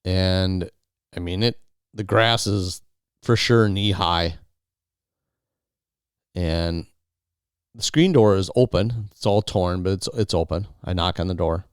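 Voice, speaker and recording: A man with a smooth, resonant, slightly low voice recounts a survival story in loose, casual storytelling. He rambles, restarts words, and slips other people's lines into his own telling. His voice sounds dry and close, with no room around it. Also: takes it slowly, pauses often, no echo.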